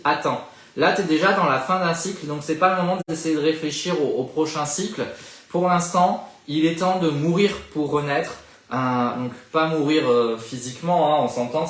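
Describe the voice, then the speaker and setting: Gentle man reading oracle cards, roomy sound. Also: a little high. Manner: gentle, encouraging, addresses listener directly; thinks aloud with frequent hesitations. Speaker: spiritual card reader. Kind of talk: live oracle card reading.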